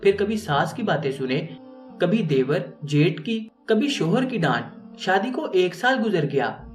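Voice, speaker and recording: A man's voice: high voice, sing-song, measured pace. A man narrating a moral story in an earnest, moralizing way. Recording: roomy, distant mic, faint music.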